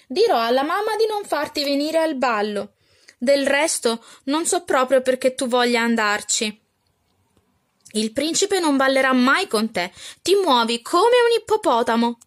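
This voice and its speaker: A woman voicing a spoiled, quarrelsome young stepsister in a storybook reading, shouting shrill and bossy. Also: lively intonation, a little slow. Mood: shrill, spiteful.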